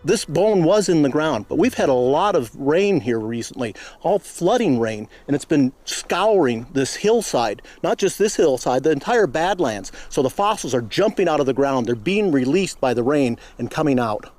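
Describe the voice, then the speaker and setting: A man's voice: on the high side, animated, normal speed, hardly any pauses, a little mellow. A man explaining things off the cuff as a fossil hunter in a documentary. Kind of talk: unscripted explanation to camera.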